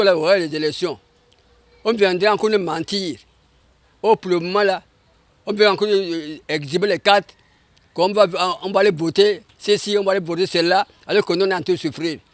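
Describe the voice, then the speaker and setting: Angry dude in a street interview, kinda high voice, dry sound, keeps repeating himself. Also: male voice, no room sound. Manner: indignant, repetitive. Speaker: flood-affected resident.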